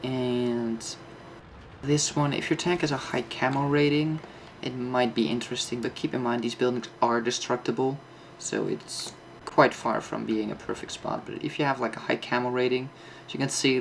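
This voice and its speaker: A man's voice: mid-range voice, level tone, normal speed, vocal fry, slight background noise. A man giving a casual, off-the-cuff game tutorial, thinking aloud and explaining as he plays. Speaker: host of a tank game map guide.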